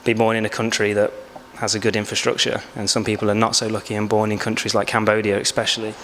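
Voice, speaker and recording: A man's voice: on the low side, completely flat delivery, fairly bright tone, a little hiss or hum. A man, giving reflective, hesitant interview answers. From England. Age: 20s. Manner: reflective, unhurried, hesitant with many fillers. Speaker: backpacker interviewee. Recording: long hall reverb.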